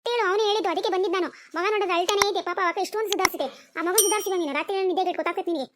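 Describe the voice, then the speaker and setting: A woman's voice: very high voice, racing, heavy background noise. A woman voicing a fussy, preachy neighbor mother in a cartoon, gossipy and lecturing.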